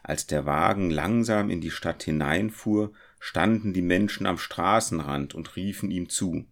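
Narrator low gravelly man, measured audiobook reading. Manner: calm, measured storytelling.

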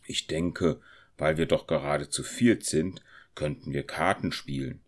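A steady carter in a storybook who speaks slowly and deep, with a calm, reassuring manner, voiced by a man reading the tale. He sounds unhurried. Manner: slow, reassuring.

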